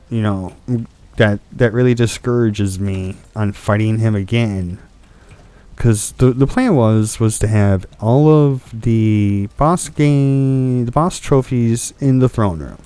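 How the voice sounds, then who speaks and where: This young gaming channel host has a lowish, dark voice and rants in frustration about a boss fight. He has hiccups, swears, and keeps restarting his sentences.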